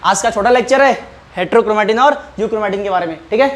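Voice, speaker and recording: A man's voice: sits high, fast talker. A male teacher giving an online class lecture. He asks questions, answers them himself, repeats key terms and keeps checking whether the class has understood. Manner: checks understanding often with rhetorical prompts. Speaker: biology teacher.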